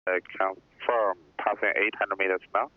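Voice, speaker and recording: A man's voice: low voice, steady tone, moderate pace, no room sound. A man with a Chinese accent working as an air traffic controller, heard over the aircraft radio, giving clipped, standard phrases. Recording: tinny narrowband radio transmission.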